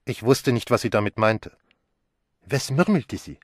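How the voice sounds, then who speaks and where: Man playing shy male inspector, timid, hushed, respectful. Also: mid-range voice, expressive, measured pace, no echo, clean studio sound. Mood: explaining.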